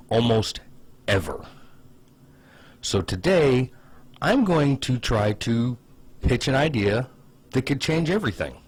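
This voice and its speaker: A husky-voiced man hosts a casual comedic commentary video, pitching ideas in a wry, sarcastic and opinionated manner.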